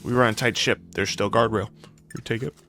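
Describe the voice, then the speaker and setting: A man's voice: on the low side, fairly even intonation, a little fast, pushed and bright, faint music behind. A man giving casual, sweary gameplay commentary with a sarcastic, jokey manner. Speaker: game streamer.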